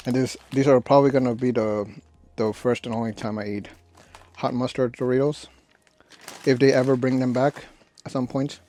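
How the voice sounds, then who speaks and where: A man giving a casual, unscripted snack review in a rambling, halting way, often correcting himself. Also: medium pitch, flat delivery, mellow. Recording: noisy, clicks and crinkling bag rustle. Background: crinkling snack bags and clicks.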